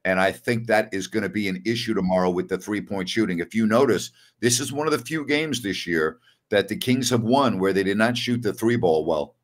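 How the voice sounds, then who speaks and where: A man's voice: on the low side, a little fast. An older man hosting a postgame basketball talk show over a video call, emphatic and opinionated, repeating his key words. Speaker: sports talk host.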